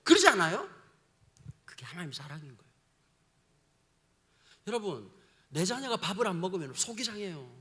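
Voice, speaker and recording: A man's voice: high-pitched, sing-song, normal speed, pauses often, fairly bright tone. A male pastor preaching a sermon in a joking, slangy way, often asking the congregation questions.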